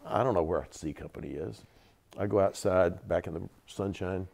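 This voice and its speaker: Deep-voiced older Southern man telling war stories. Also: normal speed, gravelly, darkish tone. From Georgia, USA. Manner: vivid, acts out quotes, repeats for emphasis. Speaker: interview guest, veteran. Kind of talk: storytelling interview.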